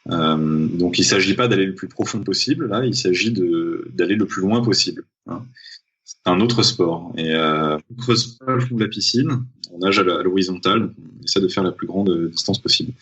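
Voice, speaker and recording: A man's voice: low-pitched, moderate pace, a bit bright, slightly rough, dull audio. A young man from Paris, a guest in a casual interview, talking hesitantly with many fillers and restarts. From Paris, France. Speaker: guest, freediving champion.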